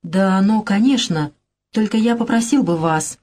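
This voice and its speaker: A woman's voice: medium pitch, measured pace, a little mellow, close to an everyday voice. A woman reading as a flustered old father. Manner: hesitant, flustered. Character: older father, flustered and hesitant landowner.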